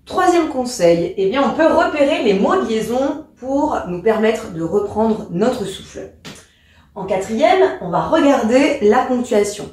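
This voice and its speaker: A woman's voice: a little high, expressive, a little slow, a little mellow, recorded from a distance. A woman teacher giving a lesson, patient and step-by-step. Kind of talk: explanatory lesson. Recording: very echoey room.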